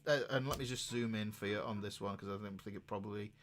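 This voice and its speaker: Talking fast in a fairly even, lowish voice, this man leads a casual guitar lesson, demonstrating as he goes and frequently checking in with whoever's listening. A little hiss or hum sits under the recording.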